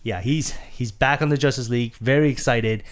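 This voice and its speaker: A man's voice: medium pitch, brisk. A man co-hosting a podcast, chatting casually with many fillers and restarts. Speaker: podcast co-host. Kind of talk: casual chat.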